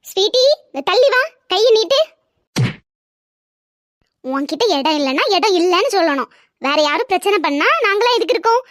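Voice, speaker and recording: A woman's voice: very high voice, expressive, normal speed, pauses often, a bit bright, no room sound, studio quality. A woman voicing a stern schoolteacher in a cartoon, scolding her pupils with a Tirunelveli Tamil accent. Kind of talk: comic cartoon voice acting.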